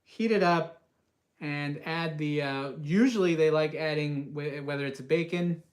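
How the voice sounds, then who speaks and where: A man's voice: a little high, measured pace. A man from the US West Coast hosting a live cast iron cooking stream, chatting casually and reading out viewer comments with many uhs. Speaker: cooking channel host.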